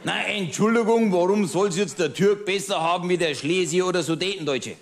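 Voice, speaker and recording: A comedian putting on a bigoted middle-aged Bavarian loudmouth with a thick Bavarian accent. He rants in a smug, self-satisfied way and keeps nudging the listener with "verstehst?". His voice sits a little high for a man. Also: moderate pace. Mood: scornful. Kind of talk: cabaret monologue.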